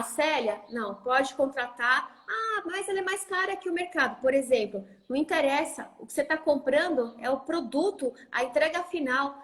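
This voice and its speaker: A Brazilian woman with a high, bright voice, speaking as a guest in a live-stream chat. She is animated and slips into short put-on voices whenever she quotes someone else. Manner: animated, acts out other people's quotes.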